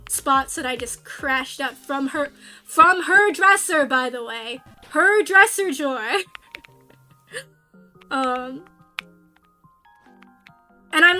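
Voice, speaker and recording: A woman streamer talks casually into a desk mic with a high, bright voice. She takes her time, rambling and mocking herself as she plays. Faint music sits behind her. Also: slow pace, pauses often. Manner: rambling, animated, self-mocking, with sudden cries of frustration. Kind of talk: casual storytelling while gaming.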